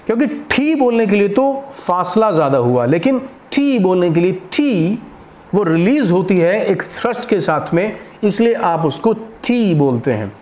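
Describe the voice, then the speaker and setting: A man with an Indian accent teaching English pronunciation, slowly repeating words as drills. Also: sits high, big pitch swings, a little mellow. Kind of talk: accent-training lesson.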